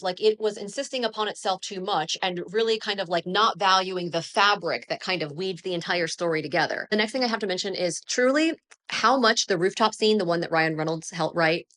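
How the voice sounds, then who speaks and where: A woman's voice: lowish voice, fairly bright tone. A young adult woman giving a chatty, candid film critique, full of "like" fillers. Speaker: film reviewer. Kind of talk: casual spoken film critique.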